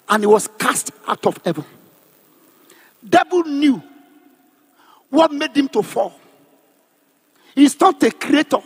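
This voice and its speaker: Nigerian pastor preaching in a very high, shouting voice. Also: male voice, slightly rough, big-room sound. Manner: preaching loudly with frequent shouts and call-and-response. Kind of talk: sermon. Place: large convention hall.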